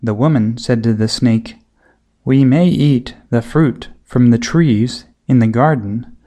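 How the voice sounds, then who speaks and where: A man narrating a Bible story in a slow, deliberate, scripted reading. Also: mid-range voice, dark tone.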